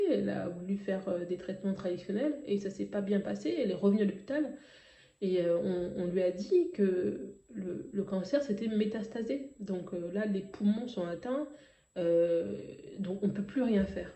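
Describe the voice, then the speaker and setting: Woman, warm mellow voice, heartfelt hesitant testimony, roomy slightly dull recording. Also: medium pitch, moderate pace. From Africa. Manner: emotional, hesitant, many fillers and restarts. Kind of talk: personal testimony.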